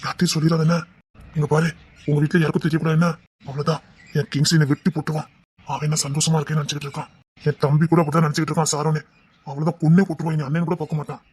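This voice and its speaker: An actor playing a gentle young man, unhappily married, who talks in a soft, husky voice in a TV serial melodrama. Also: fairly high pitch, flat delivery, racing. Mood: confiding.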